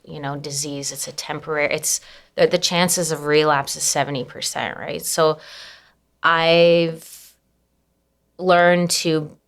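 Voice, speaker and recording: A young adult woman speaking as an interview guest, soft-spoken and reflective, with many fillers and nervous little laughs. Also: low voice. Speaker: anonymous guest. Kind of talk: candid personal interview.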